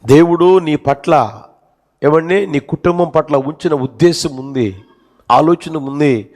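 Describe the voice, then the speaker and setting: A man's voice: a little high, takes it slowly, darkish tone. A man preaching a sermon in a church, telling stories with passion and repeating his phrases. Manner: impassioned storytelling, repeated phrases. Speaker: pastor.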